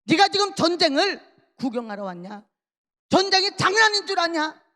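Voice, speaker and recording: A woman's voice: high voice, normal speed. A woman preacher voicing an angry older brother who scolds a young boy, raising her voice. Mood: scolding. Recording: long reverb of a large hall.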